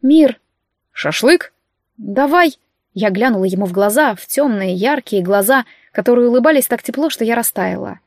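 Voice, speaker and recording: A woman reading a first-person audiobook story with lively storytelling. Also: mid-range voice, brisk, hardly any pauses, dry recording, clean studio sound. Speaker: audiobook narrator.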